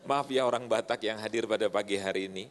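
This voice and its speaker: A man's voice: lowish voice, quick pace, slight background noise. A man preaching a humorous sermon to a congregation, often stopping to ask if they agree. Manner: joking, often asks the crowd to agree. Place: church hall. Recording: long church hall reverb.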